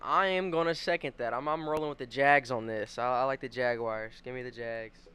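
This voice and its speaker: A man's voice: medium pitch, fairly even intonation, fairly quick, pushed and bright, smooth. A man on a casual sports podcast, giving brief, emphatic picks.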